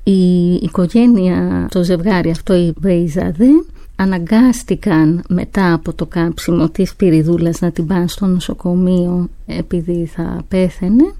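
A woman explaining historical events in a measured way, with occasional hesitant fillers. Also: fairly low pitch, steady tone, dark tone, no echo. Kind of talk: explanatory talk.

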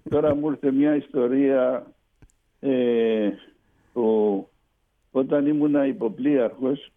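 An older man, a retired ship's officer, telling a personal story as a radio guest, lively with halting restarts. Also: medium pitch. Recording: tinny phone line on radio.

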